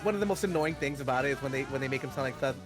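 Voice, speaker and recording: A man's voice: mid-range voice, rapid-fire, music in the background. An American man chatting casually during a game stream, swearing freely and using many fillers. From United States. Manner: profane, animated, fillers like um. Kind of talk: casual gaming chat.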